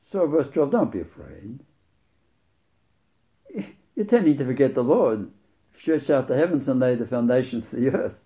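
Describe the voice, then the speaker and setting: A man's voice: medium pitch, very animated. Emphatic male preacher on a dull recording. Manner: emphatic, slows down to stress key words; reads scripture aloud and comments on it. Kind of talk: sermon.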